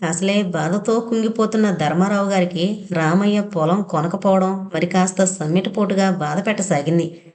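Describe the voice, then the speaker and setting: A woman narrating an audio novel in a steady, measured reading style. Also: mid-range voice. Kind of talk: scripted narration.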